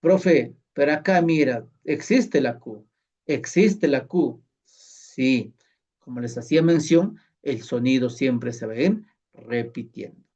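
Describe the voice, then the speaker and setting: A man teaching a language class, slowly and patiently repeating sounds and checking that his colleagues follow. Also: medium pitch, a little mellow, distant mic. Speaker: Quechua teacher. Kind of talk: classroom lesson. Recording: muffled sound from away from the mic.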